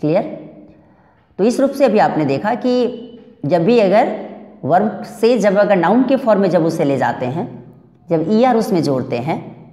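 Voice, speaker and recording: A woman teaching spelling rules, speaking English, slowly repeating words and checking that her students follow. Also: medium pitch, dark tone. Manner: slow, repeats words and asks "clear?". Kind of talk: spelling lesson. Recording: echoey room with long reverb.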